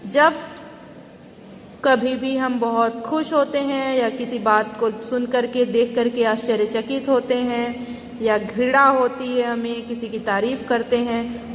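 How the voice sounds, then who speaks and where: A woman's voice: a little high, in a large hall, a little hiss or hum. A woman teaching a primary school Hindi lesson to children, explaining patiently step by step and asking the class questions.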